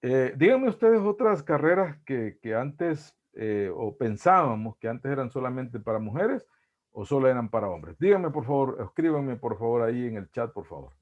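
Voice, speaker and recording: A man with a Salvadoran accent giving an online psychology lecture, halting and repeating words, often ending phrases with a questioning tag. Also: medium pitch, very animated. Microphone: video call. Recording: dull lo-fi video call audio.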